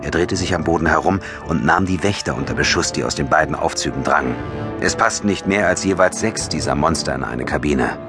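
A man narrating an audiobook in a steady, measured storytelling manner with a husky voice. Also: a bass voice, music in the background. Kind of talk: scripted narration.

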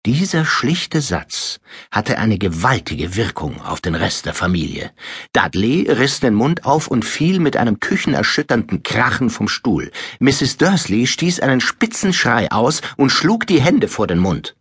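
Husky, lively male audiobook narrator. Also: mid-range voice, unhurried, dry recording, studio quality. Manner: expressive storytelling, many character voices. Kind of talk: scripted narration.

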